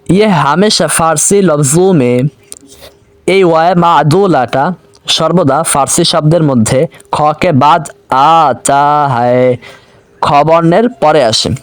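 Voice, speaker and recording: A male teacher gives a patient online lesson, explaining each point step by step and repeating example words slowly. His voice sits a little high. The sound is dry and close, with no room echo.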